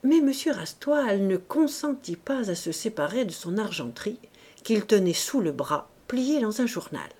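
A woman reading a classic novel aloud as an audiobook narrator, in clear, measured storytelling. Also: mid-range voice, big pitch swings, mellow. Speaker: audiobook reader.

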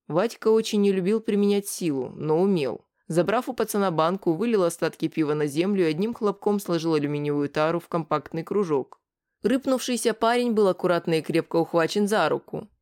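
Brief: audiobook narrator, scripted storytelling, middle pitch, even delivery.

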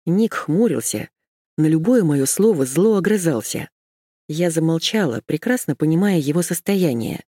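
A woman's voice: deep voice, animated, moderate pace, dark tone, dry recording. Woman narrating an audiobook, dry and close. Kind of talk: first-person audiobook narration.

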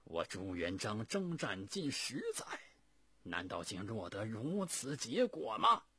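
A man voicing an embattled male commander of old, proud and tearful, declaiming with raised fervor in a husky voice. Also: on the low side, big pitch swings, slow pace, bright, forceful tone, no room sound, full character voice. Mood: despairing.

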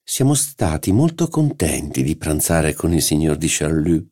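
A man's voice: rumbling low, sing-song, moderate pace, mellow, heavily acted. A man voicing a sly noblewoman who murmurs her remarks in an audiobook.

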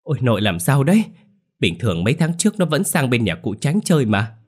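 A man's voice: mid-range voice, very animated, fairly quick, breathy edge, voice pushed up. A man voicing a young grandson, uneasy and hesitant around his grandmother.

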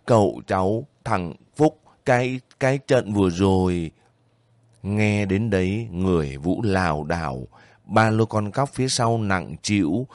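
A man narrating a story in a steady, measured reading. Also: lowish voice, no echo, clean studio sound.

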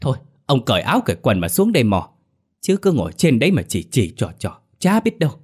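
A man's voice: medium pitch, wildly swooping pitch, brisk, slightly rough, voice pushed up. A man voicing an exhausted, out-of-breath village man who snaps back at a bystander. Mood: irritated. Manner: snapping, shouting back.

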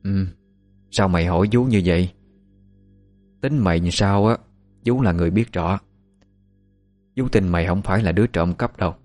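A man voicing a kindly older nanny who talks in a gentle, soothing way. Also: deep voice, moderate pace, pauses often, faint music behind, close to an everyday voice. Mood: gentle caring.

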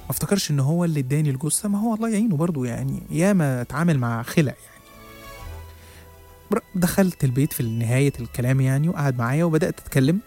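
Fast-talking Egyptian man telling horror story. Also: on the high side, animated, dark tone, faint music behind. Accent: Egyptian Arabic. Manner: rapid, suspenseful, with small restarts. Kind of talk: first-person horror story narration.

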